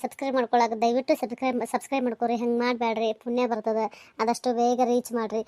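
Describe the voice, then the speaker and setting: A woman hosting her channel, pleading earnestly and repeating herself. She talks quickly into a dry, close mic. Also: on the high side, level tone, dark tone, no room sound. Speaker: channel host. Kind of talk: channel outro appeal.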